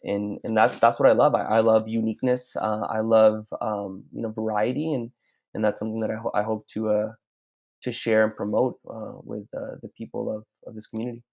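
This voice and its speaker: Male guest from Mexico, low voice, rambling stop-start delivery, slightly muffled lo-fi recording. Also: flat delivery, a little fast, vocal fry, a little mellow. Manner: rambling, frequent restarts and stammered repeats. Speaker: guest, clothing brand owner. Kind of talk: casual chat. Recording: slightly dull lo-fi sound.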